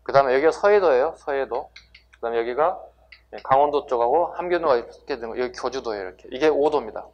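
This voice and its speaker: A man's voice: medium pitch, expressive, fast, lo-fi sound. A man teaching history to exam students in a classroom lecture, asking rhetorical questions and answering them himself with emphasis.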